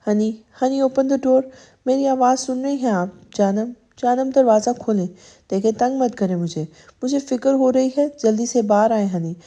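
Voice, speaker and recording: A woman's voice: on the high side, mellow, natural voice. A woman voicing a possessive, stern young husband who turns coaxing, in a spoken storybook. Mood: pleading. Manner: firm, turning tender then sulky.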